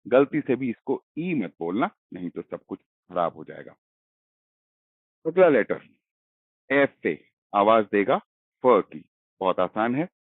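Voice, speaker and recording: A man's voice: lowish voice, no room sound. A man teaching letter sounds in a patient, explanatory way, stretching out key sounds. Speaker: language teacher. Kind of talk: explaining Spanish letters in Hindi. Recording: dry, phone-like narrow sound.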